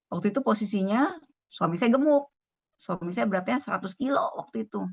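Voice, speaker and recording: A woman's voice: mid-range voice, expressive, fairly quick, no room sound. A woman doctor with an Indonesian accent telling a story on a video call and acting out the dialogue. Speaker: doctor giving a talk. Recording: dull lo-fi video call audio.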